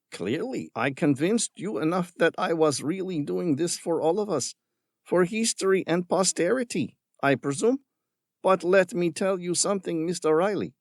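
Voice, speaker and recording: Reading an audiobook, a man voices a sneering, greedy villain, a caretaker holding a gun, with a sarcastic, patronizing tone and an affected Spanish-tinged lilt. He pushes the voice well above his own into a fairly high pitch, swooping lively as it mocks. The recording is close and dry, with no room sound.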